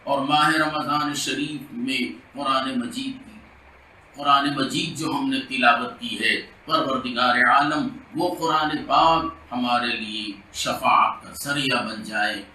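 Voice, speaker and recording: A man, an imam from India, leading a Friday sermon supplication in slow, drawn-out chanted lines, recorded in a mosque. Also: mid-range voice, fairly even intonation, bright, forceful tone, reverberant, distant mic, slight background noise, low-quality recording.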